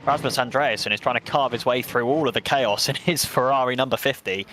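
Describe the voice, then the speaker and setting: A man with an English accent giving brisk, chatty play-by-play commentary on a sim race, with self-mocking asides. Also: medium pitch, bright, forceful tone, slight background noise. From England.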